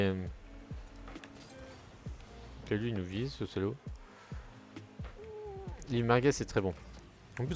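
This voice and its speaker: A young man chatting casually while streaming a car football game, rambling from topic to topic and swearing when plays go wrong. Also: on the low side. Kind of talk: casual gaming commentary.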